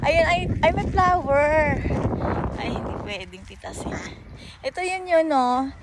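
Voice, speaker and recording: A woman's voice: high-pitched, sing-song, unhurried, very noisy. A woman vlogging as she walks outdoors by a park pond, chatting and joking, often laughing and mixing in English phrases, recorded on a handheld phone. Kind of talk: casual walking vlog.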